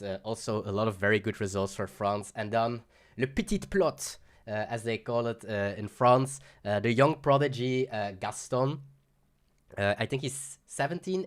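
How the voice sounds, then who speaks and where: A young man co-hosting a card game livestream. He talks in a casual, rambling way, full of fillers and quick laughs, with a voice of ordinary pitch. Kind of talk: livestream commentary.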